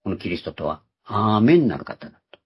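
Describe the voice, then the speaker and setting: Husky-voiced man preaching, lively pitch. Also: a little fast. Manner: explains term by term, repeating key words for emphasis. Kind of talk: Bible teaching sermon. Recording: dull lo-fi recording.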